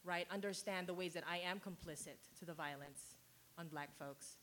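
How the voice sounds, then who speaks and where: A woman speaks as a community organizer on a panel. Her voice sits fairly low, and she talks in a measured, emphatic way. Faint background noise runs under her words. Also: fairly bright tone. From Philippines. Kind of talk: panel talk.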